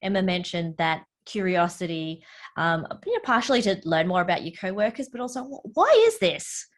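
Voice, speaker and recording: A woman's voice: fairly low pitch, brisk. A woman moderating a panel, upbeat and engaged as she puts questions to the guests.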